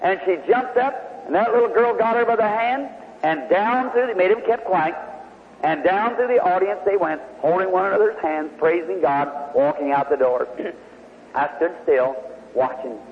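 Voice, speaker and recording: A high-voiced preacher speaking at a moderate pace shares a healing testimony with a congregation in a large hall, in a homespun, folksy storytelling style. It's a tinny old hall recording carrying a faint hiss.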